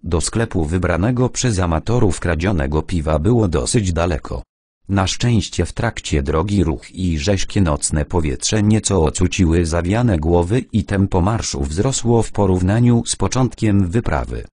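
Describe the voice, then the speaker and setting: A man narrating a first-person audiobook in a measured, deliberate storytelling manner, recorded on a close studio mic. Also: sits low, expressive, mellow, dry recording.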